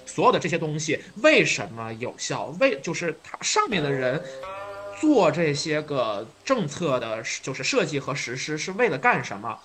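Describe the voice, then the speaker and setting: A man co-hosting a casual podcast discussion, arguing his view with lively restarts and asides. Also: a little high. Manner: animated, argumentative, many restarts. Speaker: podcast co-host.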